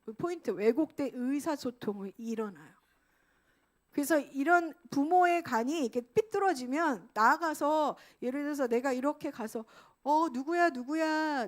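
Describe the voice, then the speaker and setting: A middle-aged woman pastor giving a lively sermon, acting out quoted lines. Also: high-pitched.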